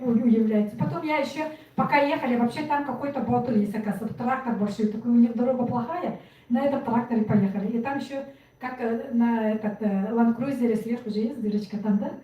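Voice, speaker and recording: A woman's voice: on the high side, fast, muffled recording. Chatty woman in her sixties. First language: Yakut. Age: 60s. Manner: chatty, searching for words. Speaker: team member. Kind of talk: casual storytelling. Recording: echoey room, far from mic.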